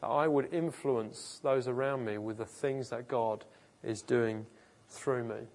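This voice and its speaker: A man's voice: mid-range voice, measured pace, a little mellow. Pastor guy giving a chatty sermon, earnest, keeps restarting his sentences. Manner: earnest, informal, with frequent restarts and self-corrections. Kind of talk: conversational sermon.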